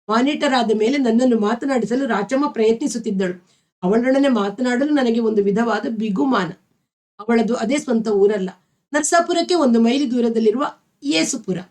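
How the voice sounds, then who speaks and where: A woman storyteller reading a novel aloud with steady, expressive narration. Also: fairly high pitch.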